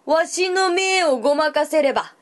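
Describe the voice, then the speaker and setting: A woman voicing a gruff old male Buddhist monk in a folk tale reading, speaking in old rustic speech. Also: sits high, moderate pace, voice pushed up, lightly acted. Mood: stern.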